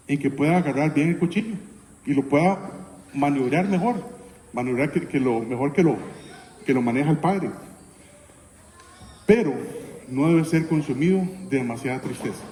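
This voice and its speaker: Male pastor, chatty sermon style, warm dark tone, echoey sanctuary sound. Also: a little high. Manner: conversational preaching, frequent "¿verdad?" tags. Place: church sanctuary. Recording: echoey church hall.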